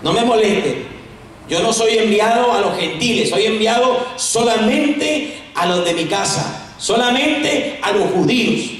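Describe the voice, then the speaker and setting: A preacher voicing a calm, firm Jesus. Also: male voice, sits high, a little slow. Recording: echoey church, voice from far off, faint noise.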